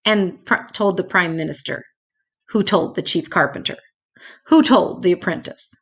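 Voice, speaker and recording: With a lowish, slightly breathy voice, an older woman performs a children's picture book aloud. She reads deliberately and with feeling, drawing out the words that matter for her young audience.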